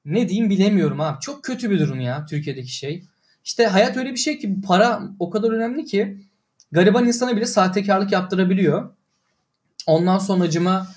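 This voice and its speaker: A young man ranting in casual slangy talk to his livestream viewers, exasperated. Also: sits high.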